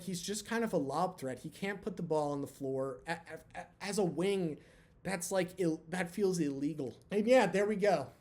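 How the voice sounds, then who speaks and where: Man, slightly higher pitch, casual candid chat, filler words, a bit hoarse. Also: a little mellow. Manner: candid, chatty, lots of fillers. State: hoarse from talking long. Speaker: basketball channel host. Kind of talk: casual talk to camera.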